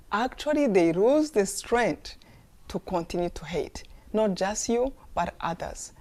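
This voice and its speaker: A woman's voice: mid-range voice, dark tone. A woman from Rwanda giving an earnest testimony talk, with emphatic rhetorical questions. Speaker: speaker.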